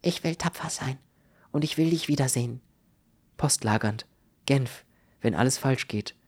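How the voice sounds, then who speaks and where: A man voicing a frightened, feverish young woman in a spoken audiobook, softly and breathily, close to a whisper. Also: medium pitch, moderate pace, close to an everyday voice. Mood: tearful resolve. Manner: soft, breathy, near whispering. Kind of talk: audiobook reading.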